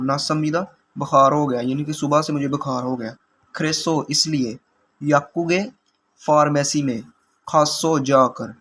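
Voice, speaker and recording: A man's voice: on the high side, fairly bright tone, a little hiss or hum. A man teaching language exam questions, explaining answers patiently step by step.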